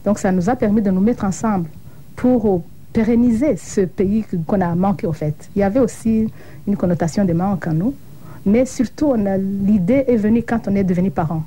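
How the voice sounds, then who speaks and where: Earnest woman with a mellow voice. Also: mid-range voice, moderate pace, a little hiss or hum. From Rwanda. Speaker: interviewee, association co-founder. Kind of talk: radio interview answers.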